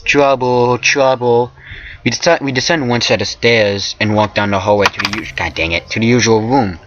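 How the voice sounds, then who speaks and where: A man's voice: lowish voice, a little fast, highs cut off, background noise. A man reading a visual novel aloud for a let's play, stumbling over words and tossing in joking asides. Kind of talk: casual let's play narration.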